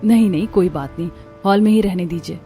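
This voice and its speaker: A woman's voice: lowish voice, fairly quick, dark tone, faint music behind, lightly acted. A woman voicing a carefree young daughter-in-law in a cartoon, breezy and sometimes pleading. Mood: polite. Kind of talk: cartoon voice acting.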